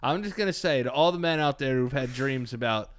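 A man's voice: medium pitch, a little fast. A young man with a New York accent co-hosting a podcast, joking crudely in casual chat. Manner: crude, joking, laid-back. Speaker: podcast co-host. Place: living room, indoors. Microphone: studio mic on desk stand, headphones.

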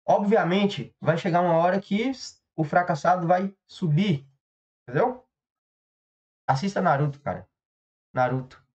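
A man's voice: a little high, a little mellow. A Brazilian man hosts a podcast alone in a rambling comedic monologue. He swears freely, strays off on tangents and stops himself in the middle of sentences. The sound is a little dull and lo-fi. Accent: Brazilian Portuguese. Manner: profane, rambling, self-interrupting. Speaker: podcast host.

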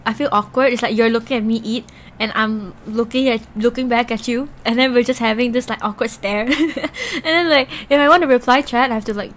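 A young woman talks to her stream viewers on a desk mic between bites of food. Her voice sits a bit high and she giggles often, wandering from thought to thought with plenty of "like". A faint steady hiss runs under her voice. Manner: rambling and giggly, heavy use of "like". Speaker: Twitch streamer. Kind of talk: casual chat with viewers while eating.

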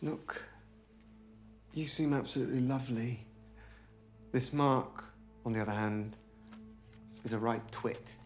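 A man's voice: medium pitch, unhurried, long pauses, faint music behind, natural voice. An actor playing a nervous, rambling young Englishman who stammers and talks to himself. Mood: awkward. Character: nervous, rambling English museum worker, man.

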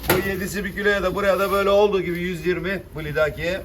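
A man's voice: sits high, flat delivery, rapid-fire. A man working as a fish auctioneer, calling out weights and prices to buyers in repetitive formulas. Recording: distant mic, loud vehicle and handling noise.

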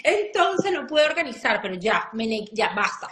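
High-voiced, gushing woman on a live stream. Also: sing-song, moderate pace, fairly bright tone. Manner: effusive and gushing. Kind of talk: casual live-stream chat.

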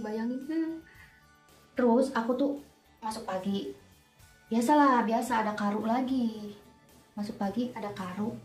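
A young woman, telling an animated storytime while doing her makeup, recorded in a roomy indoor space from a distance with faint music. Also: a little high. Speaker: nurse vlogger.

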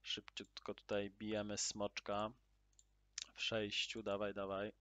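Slow, low-voiced man commenting on a game. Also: clear, resonant tone, no echo, dull audio. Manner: loud upbeat greetings, then mutters quietly while playing; excited exclamations at in-game drops. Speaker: gaming channel host. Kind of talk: casual gameplay commentary.

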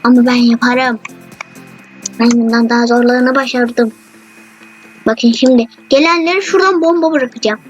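Excitable high-voiced woman gamer. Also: normal speed, pauses often, low-quality recording. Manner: excited exclamations, chatty. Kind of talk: gameplay commentary. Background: faint game music.

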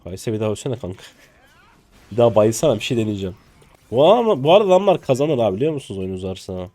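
A man in his twenties from Turkey narrates his own match live for viewers. His voice swings widely in pitch, from low mutters to sudden squeaky yelps. He talks in a loose, excitable, jokey way, with casual swearing. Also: rapid-fire. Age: 20s. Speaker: streamer. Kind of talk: live gameplay commentary.

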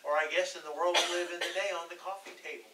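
A man with a Texan accent preaching a sermon as pastor, folksy in manner, reading scripture slowly and drawing answers from the congregation. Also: sits high, steady tone, heavy background noise. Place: church sanctuary. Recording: echoey church from far off.

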